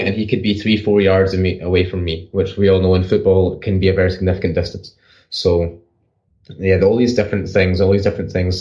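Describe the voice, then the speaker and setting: A man co-hosting a podcast, explaining football tactics in rapid bursts with frequent restarts. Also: low-pitched, muffled recording. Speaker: podcast co-host, football analyst. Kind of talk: casual analytical chat.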